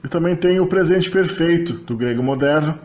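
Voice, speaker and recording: A man's voice: on the high side, normal speed, a little mellow. Methodical man lecturing over slides. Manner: methodical and explanatory, walking through tables step by step. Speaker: linguistics lecturer.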